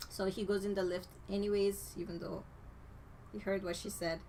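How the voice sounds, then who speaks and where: A woman with a middle-pitched voice tells a movie's story in an easygoing podcast chat. She links each event with "and then" and sometimes acts out characters' lines. Faint background noise runs under her voice. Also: little pitch movement, moderate pace, warm tone. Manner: chatty storytelling, strings clauses with "and then". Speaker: podcast co-host. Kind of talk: casual movie recap chat.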